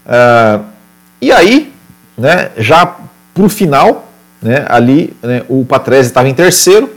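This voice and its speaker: A man with a Brazilian accent giving casual motorsport commentary, telling race stories in an animated way and often repeating words and adding tag questions. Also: medium pitch, takes it slowly. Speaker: motorsport podcast or stream host.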